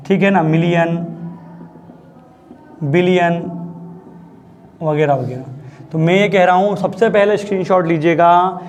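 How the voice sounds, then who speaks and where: A man's high, somewhat mellow voice explains English grammar in a conversational classroom manner, checking again and again whether the students got it. Slight background noise can be heard.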